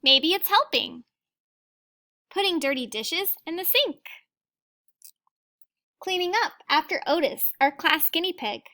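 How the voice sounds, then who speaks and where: Pitched high, this woman's voice carries a children's story read aloud like a classroom teacher. She takes it deliberately and expressively, pausing for remarks aimed at her young audience.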